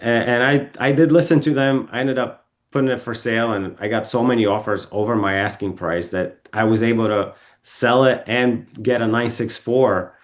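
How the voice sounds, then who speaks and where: A man's voice: medium pitch, steady tone, normal speed, few pauses. A man from Bulgaria, a podcast guest telling car stories in a rambling way, full of ums and restarts. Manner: rambling, self-correcting, with frequent ums and restarts. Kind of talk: casual storytelling interview. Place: podcast studio.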